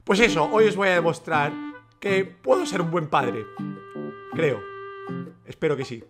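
Young man, high voice, excitable gameplay commentary over music, swears a lot. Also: a little slow. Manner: excitable, joking, swears often. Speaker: gaming youtuber.

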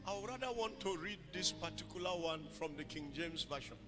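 A man preaches fervently into a pulpit microphone, his high voice rising into loud sung cries. His voice rings through a hall with a long reverb. Music plays clearly behind him. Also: fairly quick. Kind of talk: sermon.

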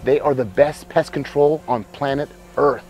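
A man, hosting a wildlife show outdoors by a cave, presenting with excited, emphatic showmanship on a lapel mic. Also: medium pitch, normal speed, soft background music. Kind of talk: enthusiastic outdoor nature presenting. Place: outdoors by a cave in open country.

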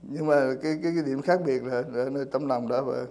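A man's voice: medium pitch, fast talker, a little mellow. A man preaching a sermon in church, speaking hesitantly with many fillers and repeated words. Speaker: pastor.

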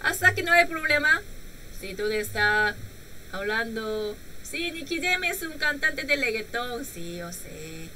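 Korean woman teaching, bright lively voice. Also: a little high, a little hiss or hum, poor audio. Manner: patient, repeats phrases slowly with questioning "¿no?". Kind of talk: live-streamed language lesson. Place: home room.

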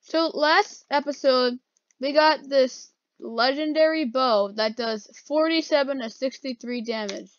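A woman's voice: sits high, a little slow. A woman giving casual gameplay commentary, her speech slightly altered by wearing dental retainers. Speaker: gamer hosting a playthrough. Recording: dull lo-fi mic, keyboard clicks.

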